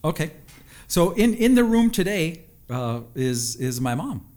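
A middle-aged man, telling personal stories casually in a reflective, halting way. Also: on the high side, big pitch swings, a little mellow. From a North American reservation. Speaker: interview guest, psychologist and musician.

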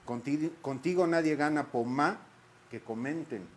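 A man's voice: fairly high pitch, unhurried. A man with a Mexican Spanish accent, co-hosting and reading silly lines in a mock-dramatic, crude joking way. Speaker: show co-host.

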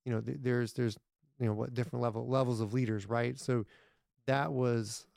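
A man's voice: mid-range voice, fairly even intonation, normal speed, creaky, a little mellow, no echo, clean studio sound. A man talking as a podcast guest in casual interview chat, rambling with many restarts, blunt and sometimes profane.

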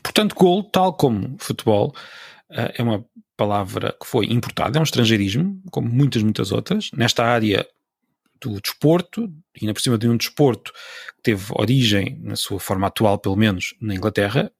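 Male podcast host, European Portuguese accent, husky and gravelly, explanatory and unhurried, dry close-mic sound. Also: lowish voice, lively intonation, no room sound. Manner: thoughtful, explanatory, with hesitations and self-corrections. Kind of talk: solo educational podcast monologue.

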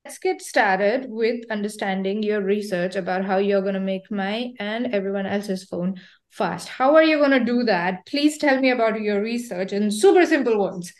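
A woman's voice: mid-range voice, moderate pace. Young female podcast host, casual and playful, mid-range voice. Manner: bubbly, playful, self-deprecating. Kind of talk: casual interview chat.

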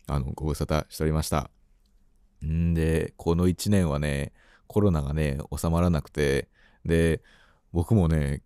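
A man with a deep, mellow voice hosts a radio segment, telling everyday stories in a relaxed, chatty way. He acts out little scenes as he goes, and the recording is dry and close. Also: dry recording. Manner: storytelling, acts out quotes. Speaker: radio corner host. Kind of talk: casual radio chat.

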